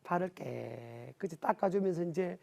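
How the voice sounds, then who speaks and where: A man's voice: a little high, animated, normal speed, gravelly, darkish tone, muffled recording. A middle-aged man from the Gyeongsang region, a pastor teaching a televised Bible lesson, who asks his audience questions and answers them himself. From Gyeongsang region, South Korea.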